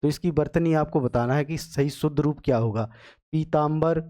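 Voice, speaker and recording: A man teaching a Hindi spelling lesson for exam preparation, patiently repeating words slowly and checking that students follow. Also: a little high, dark tone.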